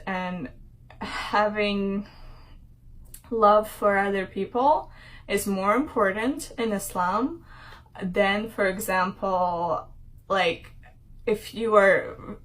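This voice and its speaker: A woman's voice: mid-range voice, fairly bright tone. Young woman from ukraine rambling to her vlog camera, lots of ums and little laughs. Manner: chatty, rambling, laughs often, many fillers. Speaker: vlogger. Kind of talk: casual talking-head vlog.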